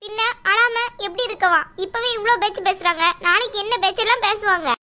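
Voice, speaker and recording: Woman doing a young sister-in-law, whiny, complaining, very high bright voice. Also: brisk. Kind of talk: cartoon voice acting.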